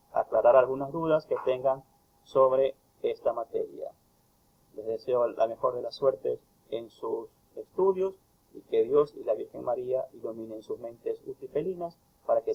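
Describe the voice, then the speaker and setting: A male university tutor giving a recorded grammar lecture, stressing each example phrase slowly. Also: medium pitch, creaky, breathy edge, phone-quality sound. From Ecuador. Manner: slow, emphatic reading of example phrases.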